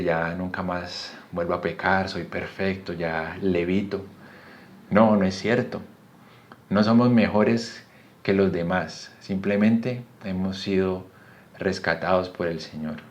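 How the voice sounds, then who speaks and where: A Colombian man with a very low voice teaches a Bible study lesson on video. He speaks earnestly and explains each point in turn, often asking the listener questions. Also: dull audio. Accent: Colombian Spanish.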